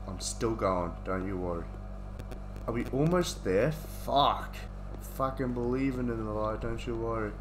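A man's voice: medium pitch, background noise. A young man giving profane, jumpy running commentary while playing a horror game. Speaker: gaming video creator. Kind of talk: let's play commentary.

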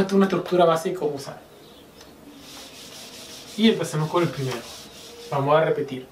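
Man, teacher, patient, slow repeated examples, fairly high voice, roomy echo, mic set back. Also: darkish tone, slight background noise. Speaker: Chinese language teacher. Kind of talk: whiteboard lesson explaining grammar. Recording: echoey room, mic at a distance.

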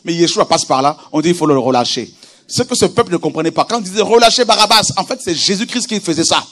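A man preaching a sermon with animated delivery, moving from quiet scripture reading to shouted exclamations. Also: high voice, quick pace. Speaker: pastor.

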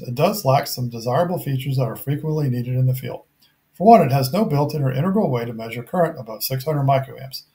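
Here a middle-aged narrator with a mellow voice of medium pitch delivers a scripted tech product review. He keeps things steady, methodical and to the point.

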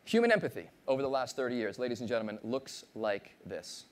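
A man in his thirties giving a motivational keynote on a large conference stage, playful and animated, teasing and quizzing the audience. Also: mid-range voice, fairly quick. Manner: animated, playful, audience-engaging, acts out voices. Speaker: keynote speaker.

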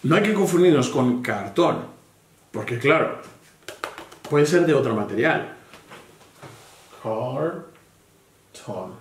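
This man speaks slowly and expressively in a mid-range voice, leaving long pauses. He's patiently teaching a child English words one-on-one, going back and forth between English and Spanish and spelling each word letter by letter. The recording has echo and background noise.

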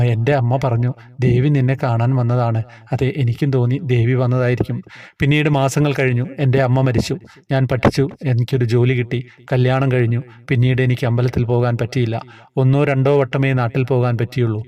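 A man calmly and earnestly reading out a devotional personal story. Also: mid-range voice. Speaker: narrator reading a submitted story.

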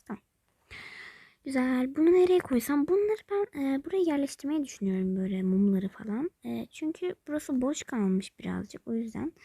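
A woman talks her viewers through a mobile game in a casual, rambling way, thinking aloud and calling them by pet names. Her voice sits a little high and often sinks into a whisper. The sound is dry and close, with no room echo. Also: mellow. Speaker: game vlogger. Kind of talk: casual play-along narration of a mobile game.

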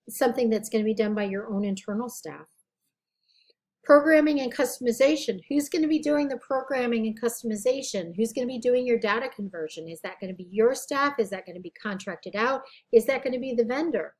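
A woman with a slightly high, scratchy voice delivers a recorded lecture. She talks in a casual, conversational way, correcting herself as she goes and asking questions she answers herself. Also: darkish tone. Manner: conversational, self-correcting, asks rhetorical questions. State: scratchy, tired voice. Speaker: college instructor.

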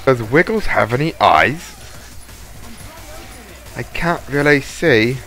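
A man's voice: mid-range voice, expressive, takes it slowly, bright, forceful tone, faint music behind. A young man co-hosting a casual gaming session, joking around and putting on a mock English accent. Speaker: gaming channel co-host.

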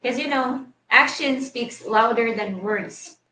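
A woman's voice: on the high side, slow, bright, forceful tone, slight background noise. Filipino-accented woman in an echoey room. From Philippines. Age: 30s. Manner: chatty, explains things to viewers. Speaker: co-host. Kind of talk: casual livestream Q&A. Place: small bedroom at home, indoors.

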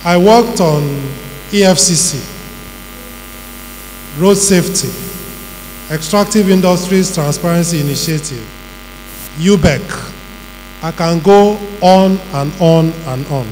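A middle-aged man with a Nigerian accent giving a measured, emphatic public talk and listing his points one by one. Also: sits high, a little mellow. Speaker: panel speaker on governance. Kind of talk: public talk answering questions. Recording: reverberant hall with faint hum.

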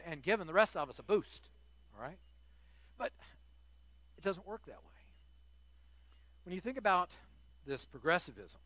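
High, bright-voiced older male preacher. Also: dry recording. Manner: earnest, emphatic, restarts phrases, addresses the congregation directly. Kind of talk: sermon.

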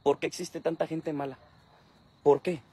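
Brief: man in his 30s, slightly raised husky voice, aggrieved phone selfie rant at night outside. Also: on the high side, little pitch movement, moderate pace, a little mellow. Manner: aggrieved, repetitive, talks to his dog. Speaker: social media creator. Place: outdoors at night, in a yard. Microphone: phone at arm's length.

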